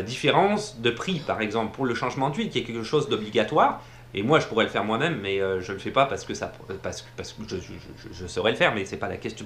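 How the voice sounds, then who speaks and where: A man's voice: fairly low pitch, fairly bright tone, reverberant, a little hiss or hum. A man giving casual advice in a vlog, chatty and full of fillers, restarting sentences and laughing at himself. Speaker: vlogger. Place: home in Montreal area.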